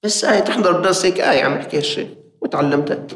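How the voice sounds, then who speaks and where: A man's voice: on the high side, animated, rapid-fire, fairly bright tone, roomy sound. A man with a Levantine Arabic accent preaching a sermon, appealing directly and passionately to his listeners.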